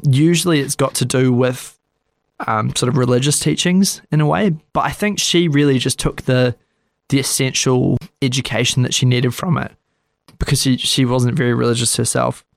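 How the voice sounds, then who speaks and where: A man's voice: mid-range voice, fairly even intonation, normal speed, creaky, no room sound. A man casually retelling history on a podcast, chatty and a bit sarcastic, acting out the people he talks about. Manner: chatty, sarcastic, acts out quotes.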